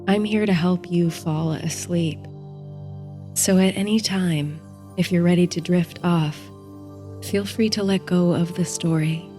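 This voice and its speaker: The host and narrator of a sleep story series, a woman with a warm, slightly low voice, tells a calming bedtime story in the style of a guided meditation. She speaks very softly in a slow, soothing, unhurried way, letting her phrases end breathily. Soft music plays quietly beneath her voice.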